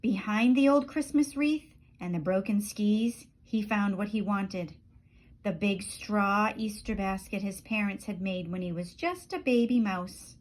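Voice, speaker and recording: A woman reads a children's storybook aloud with expressive storytelling, her phrase endings dropping softly. Her pitch is medium and her pace unhurried, though the audio quality is poor.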